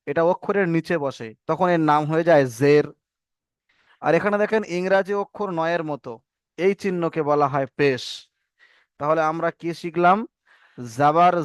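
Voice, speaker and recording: Teaching Quran reading online, this Bengali-accented man speaks on the high side through a video call microphone, with no echo and studio-quality sound. He stays patient, running drills again and again and having students respond in unison.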